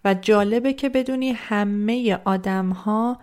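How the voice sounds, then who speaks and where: A woman giving a reflective psychology talk, calmly addressing the listener with direct questions. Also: mid-range voice. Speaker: self-help speaker.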